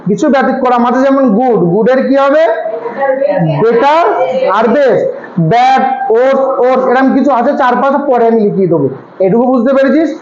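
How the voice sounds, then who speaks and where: A man's voice: extremely high pitch, fairly quick, a crowd in the background. A man tutoring a class on grammar, asking his students questions and answering them himself. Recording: echoey room, slightly dull sound.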